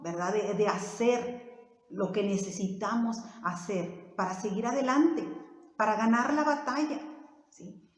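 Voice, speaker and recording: Woman preacher, earnest sermon, long hall reverb. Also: a little high. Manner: earnest, tag questions to the listeners.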